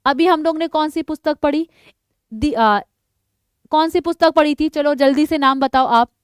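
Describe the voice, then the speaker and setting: A woman's voice: high-pitched, normal speed, no echo, studio quality. A woman teaching a live exam-prep class, chatty and joking, drilling answers by repeating them and reading out student names. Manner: chatty, jokes about names.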